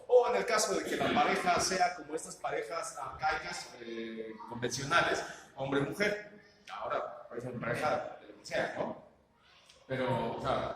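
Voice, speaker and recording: A man with a Mexican accent lectures to a live audience in a high voice, peppering his points with rhetorical questions and acting out what parents say. He sounds as if he is in a large, reverberant hall. Steady background noise sits under his voice. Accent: Mexican Spanish. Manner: rhetorical, seeks agreement with tag questions; acts out quoted parents.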